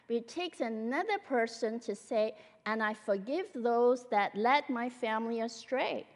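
A woman from Malaysia and Singapore giving a conversational sermon with personal testimony as a guest church speaker, earnest and full of fillers. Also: high-pitched. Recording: long hall reverb.

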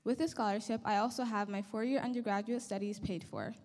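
A woman's voice: medium pitch, steady tone, a little fast, a little mellow. A young woman from Somalia giving an earnest, grateful prepared speech into a handheld mic as a guest speaker in a church hall. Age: young adult. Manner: earnest and grateful, reading from notes. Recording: long hall reverb.

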